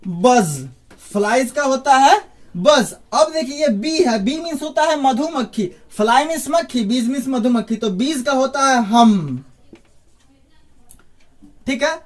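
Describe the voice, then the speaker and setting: Male teacher, fairly high voice, casual lesson delivery, asks the viewer questions as he goes. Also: expressive, slow pace, pauses often. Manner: chatty, joking asides, asks the listener questions. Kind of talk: informal spoken lesson.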